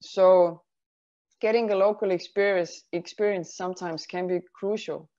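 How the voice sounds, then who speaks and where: A woman from Estonia, a career advisor answering interview questions in a measured way, explaining things step by step. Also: lowish voice, steady tone, mellow. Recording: slightly muffled sound.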